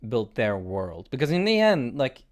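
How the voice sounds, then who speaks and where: A man's voice: mid-range voice, sing-song, moderate pace. A man in casual podcast conversation, hesitant and restarting his sentences often. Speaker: podcast co-host.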